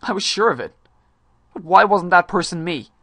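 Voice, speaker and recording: Male actor as restless, disillusioned high-school guy, hammy stage monologue delivery, mid pitch, close dry recording. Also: moderate pace, fairly bright tone, no echo, lightly acted. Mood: intense, frustrated. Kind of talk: dramatic monologue reading.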